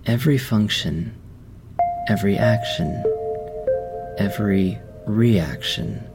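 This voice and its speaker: Over clear background music, a man with a fairly low voice guides a meditation. He talks very slowly and gently, with long pauses between his soothing instructions.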